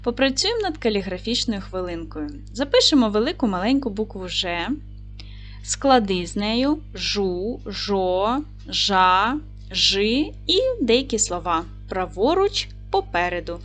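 A woman teaching a recorded lesson for primary school children, speaking clearly and patiently to the class. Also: medium pitch, big pitch swings, normal speed, soft background music.

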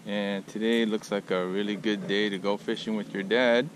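A man's voice: fairly low pitch, moderate pace. A middle-aged man hosting a casual fishing vlog at a lakeside park, chatty and laid-back, recorded on an action camera. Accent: Southern Californian. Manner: laid-back, chatty, excited bursts at catches. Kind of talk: casual outdoor vlog narration. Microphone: action camera mic. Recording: outdoor camera audio with clear background noise.

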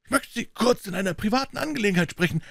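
A man reading aloud and voicing a hoarse, nervous, middle-aged bank clerk who speaks hesitantly. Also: high voice, expressive, quick pace, a bit bright, no echo, studio quality, voice pushed up, heavily acted. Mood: anxious. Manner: anxious, hesitant.

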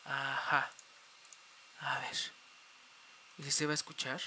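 A man's voice: medium pitch, monotone, takes it slowly, sharp tone, slight background noise. A young man with a Mexican accent, chatting playfully on a live stream, dramatic and given to swearing. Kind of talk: casual live stream chat.

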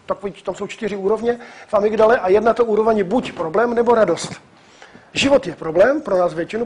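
Animated older man lecturing, high husky voice. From Czech Republic. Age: 60s. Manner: animated, emphatic, with hesitations and restarts. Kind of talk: public lecture. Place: lecture hall.

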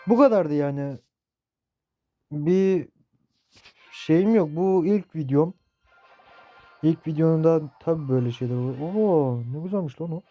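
Profane young gamer with a dull, lo-fi sound. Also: male voice, a little high, measured pace, pauses often, faint music behind. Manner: profane, excitable outbursts while playing. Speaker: mobile gaming youtuber. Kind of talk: gameplay commentary.

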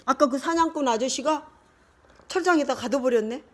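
An older woman, a grandmother, reading a picture book to her grandchild, lively and chatty with little asides. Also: sits high, normal speed. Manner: animated, shifting into character voices and asides.

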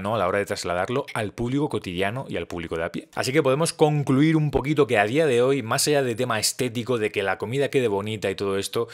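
Fast-talking man explaining food safety. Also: medium pitch. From Spain. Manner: quick, animated, gesturing with both hands. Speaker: food science presenter. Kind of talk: explainer talk to camera. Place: home office with bookshelves. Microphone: studio condenser mic on a stand in front.

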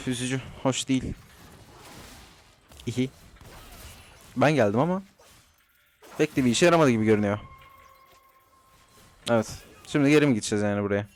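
A man's voice: medium pitch, no room sound. Young male gamer, casual running commentary, self-talk and teasing, home desk mic. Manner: chatty, talks to himself, teasing opponents. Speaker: gaming YouTuber. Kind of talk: live gameplay commentary.

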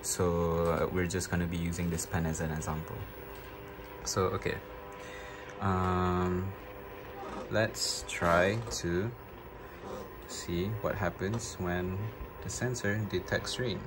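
A man's voice: low voice, steady tone, slow pace, long pauses, noisy background. A young man from Malaysia presenting a student class project, hesitant and apologetic with many fillers. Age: young adult. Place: home desk, indoors.

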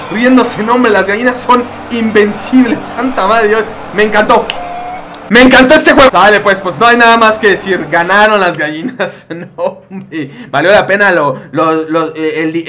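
A man's voice: high-pitched, fairly bright tone, a little hiss or hum. A man with a Mexican accent giving playful, joking commentary over a battle-simulation game, full of exclamations. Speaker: gaming YouTuber. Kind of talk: excitable gameplay commentary.

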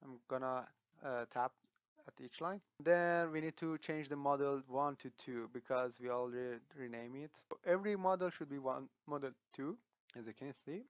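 In a dry, slightly dull recording, a man guides listeners through a software tutorial. His mid-range voice is smooth, and he often hesitates on fillers and starts lines over while thinking aloud.

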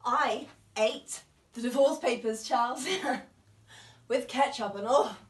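Woman doing a sarcastic wife laughing through tears, high swooping voice, echoey room. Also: takes it slowly. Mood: mocking. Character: jilted wife mocking her husband, laughing through tears. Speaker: drama school auditionee. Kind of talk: audition monologue. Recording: roomy, from far off.

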